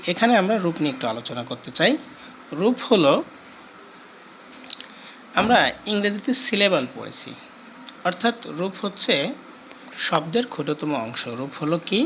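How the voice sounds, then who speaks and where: Bright-voiced man teaching grammar. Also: sits high, a little hiss or hum, low-quality recording. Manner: repeats key terms slowly, asks and answers own questions. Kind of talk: grammar lesson.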